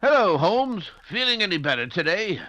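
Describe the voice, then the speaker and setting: A man's voice: high voice, big pitch swings, moderate pace, sharp tone, no room sound, exaggerated voice. A man playing an anxious, fussing doctor and loyal sidekick in an old-time radio detective drama, with a stammering, flustered delivery. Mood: concerned, fussing.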